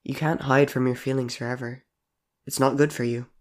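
A storyteller voicing Aaron, a gentle, caring young man who speaks earnestly and reassuringly. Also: mid-range voice, big pitch swings, brisk, gravelly, voice pushed up. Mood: concerned. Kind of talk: audiobook character voice.

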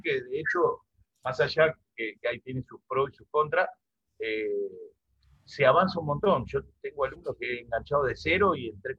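Speaking rioplatense Spanish with voseo, a middle-aged Santa Fe musician and music teacher gives a relaxed video-call interview. The voice is husky and mid-range, with the high frequencies cut off.

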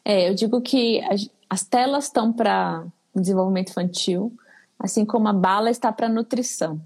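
A woman with a Brazilian Portuguese accent, a speech therapist guest, explaining in a lively way with acted-out examples. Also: medium pitch, normal speed, slightly rough. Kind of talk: casual conversational interview.

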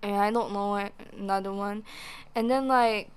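A woman's voice: medium pitch, fairly even intonation, moderate pace, smooth. A young woman with a Malaysian English accent, co-hosting a casual chat and telling a story with Malay words and swearing mixed in. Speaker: podcast co-host.

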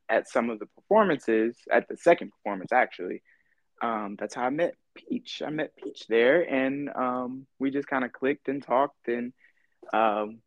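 A man in his twenties from California, chatting casually as a podcast guest, halting and easygoing, with lots of ums. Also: mid-range voice, no room sound. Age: 20s. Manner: laid-back, halting, full of ums and laughs. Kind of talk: casual interview chat.

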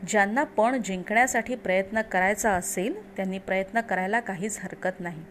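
A woman voicing a calm, courteous young prince in a storybook reading. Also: mid-range voice, slight background noise, natural voice. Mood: polite. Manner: polite, measured.

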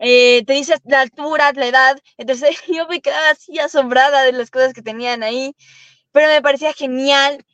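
A young woman from Ecuador, a racing driver, talking eagerly as a podcast guest, rambling quickly with many restarts. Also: sits high, steady tone, a bit bright, no echo. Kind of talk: podcast interview. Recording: dull lo-fi sound, dry.

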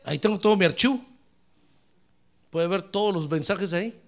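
A man preaching as a pastor in a church, a fiery Pentecostal sermon that swings from quiet asides to shouted exclamations. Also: sits high, moderate pace.

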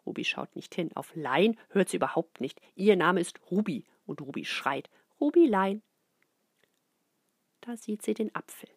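A middle-aged woman reads a children's book aloud in an expressive way, often dropping into soft whispers. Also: lowish voice, moderate pace, vocal fry, few pauses. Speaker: narrator.

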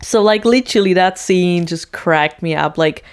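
Chatty woman, lower-pitched voice. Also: normal speed. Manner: chatty, heavy use of fillers. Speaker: vlogger retelling a TV scene. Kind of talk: casual storytelling.

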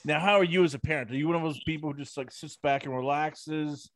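A man's voice: on the high side, quick pace, a bit bright, no room sound, studio quality. A man interviewing a fighter, asking long rambling questions full of fillers. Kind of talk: casual interview.

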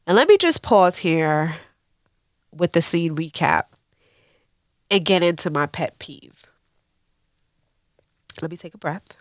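A woman's voice: lowish voice, a bit bright, dry recording, clean studio sound. A woman hosting a podcast, recapping a TV episode in a candid, opinionated way and breaking off into rants with laughs. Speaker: podcast host.

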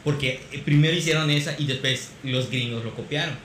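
A man's voice: medium pitch, a little fast, a bit bright. A man in casual chat, asking questions and joking. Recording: roomy with faint noise.

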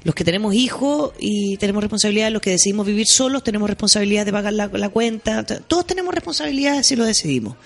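A woman's voice: mid-range voice, lively intonation, fast, vocal fry, few pauses. A Chilean woman with a Chilean accent, co-hosting a casual talk show, reading listener messages and explaining at length. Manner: reflective, explains at length, mild swearing.

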